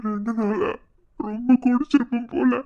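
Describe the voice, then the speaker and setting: A woman's voice: on the high side, fairly even intonation, normal speed, natural voice. A woman voicing a young cartoon husband who pleads with tearful apologies, on a dull lo-fi recording. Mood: remorseful. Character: young husband, remorseful after drinking. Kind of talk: cartoon voice acting.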